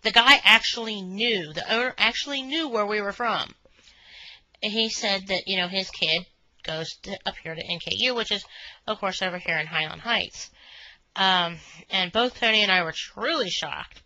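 Chatty woman, bright dry voice. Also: medium pitch, moderate pace, dry recording, poor audio. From Northern Kentucky, USA. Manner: chatty, meandering, many fillers like "you know". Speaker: vlogger reviewing a restaurant. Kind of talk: rambling casual monologue.

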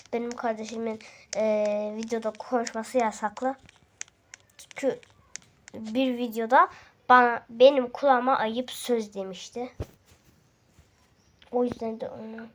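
A woman giving casual, chatty gameplay commentary and talking straight to her viewers, sometimes dropping to a hushed voice. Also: fairly high pitch, background noise. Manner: chatty, excitable, addresses viewers directly; drops to a hushed voice at times. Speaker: gaming video creator.

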